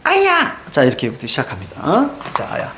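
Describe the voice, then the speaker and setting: A male teacher leads a classroom lesson with a lively, swooping delivery. His voice sits a little high for a man. He keeps stopping to quiz his students and check they follow. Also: moderate pace, slight background noise. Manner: animated, questioning students, drawing on a board. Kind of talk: classroom lecture.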